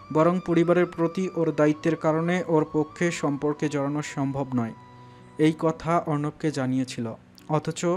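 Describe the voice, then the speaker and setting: A man with a fairly high, slightly mellow voice narrates a romantic audio story in a dramatic, scripted style, with music in the background.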